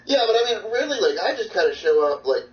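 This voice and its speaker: A sick man with a stuffy nose chats casually in a fairly high, animated voice. He rambles along over a muffled, distant internet call with room echo and some noise. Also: fast talker. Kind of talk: casual chat. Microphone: voice call, distant-sounding.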